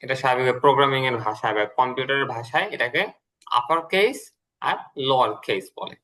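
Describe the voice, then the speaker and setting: A man teaching an English lesson to a student, patient and explanatory, repeating key words slowly. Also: mid-range voice, bright, forceful tone.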